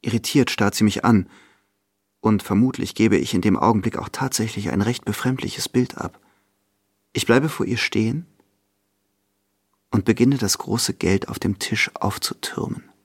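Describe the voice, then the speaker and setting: A man reading a novel aloud as first-person literary narration, measured and following the drama of the scene. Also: lowish voice, husky, dry recording, studio quality. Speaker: reader.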